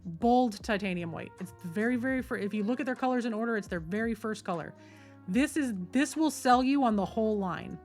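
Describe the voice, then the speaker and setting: A woman streaming live from her desk at home, chatting easily and straight to her viewers. Her voice sits a little high, and faint music plays behind her. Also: animated, quick pace. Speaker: livestreamer. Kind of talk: casual live-stream chat. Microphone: desk microphone.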